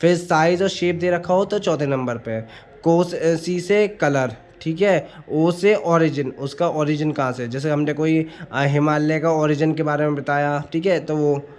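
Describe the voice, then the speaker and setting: A man's voice: on the high side, a little mellow. A man teaching grammar for exam preparation, explaining step by step, asking questions and answering them himself, often saying "ठीक है". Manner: often says "ठीक है" between points. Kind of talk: exam-prep grammar lesson.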